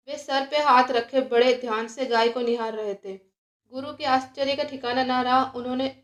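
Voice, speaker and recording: A woman storyteller giving a scripted story narration in a measured, expressive way. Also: fairly high pitch, echoey room.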